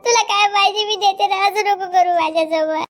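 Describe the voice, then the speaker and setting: A woman acting a scheming village wife in a comedy sketch, coaxing in a slow, drawn-out voice with a questioning "hm?" after her lines. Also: very high-pitched, a little mellow, a little hiss or hum. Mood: screaming. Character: scheming village wife, seductive then screaming.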